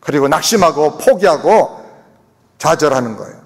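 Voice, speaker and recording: A man's voice: on the high side, very animated, moderate pace. A man preaching a sermon as senior pastor, speaking emphatically to his congregation in a church sanctuary. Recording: long reverb of a church hall.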